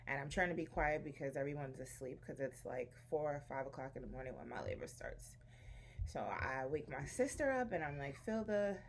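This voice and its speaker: A woman's voice: sits low, a little hiss or hum. A woman telling her birth story to camera at home in a chatty, rambling way, restarting her sentences as she bounces a baby. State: bouncing a baby while talking. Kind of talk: casual chat to camera.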